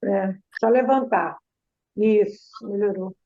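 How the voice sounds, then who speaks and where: A woman's voice: medium pitch, slow pace, dry recording, narrow, tinny audio. A woman, a student in class who gives brief plain replies and repeats words after the teacher.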